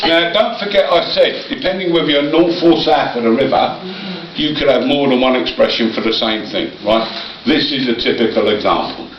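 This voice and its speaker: A man's voice: mid-range voice, brisk, few pauses. A man with a Cockney accent giving a cheeky, teasing live talk on slang, often checking that listeners follow. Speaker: Cockney rhyming slang guide and entertainer. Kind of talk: bantering live talk teaching slang to an audience. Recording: echoey, noisy, muffled, distant microphone.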